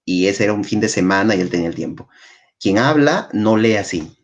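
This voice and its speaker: A man's voice: on the low side, brisk. A man, a guest in casual chat, telling stories and acting out the people in them. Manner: animated storyteller, acts out quotes. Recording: dull lo-fi sound.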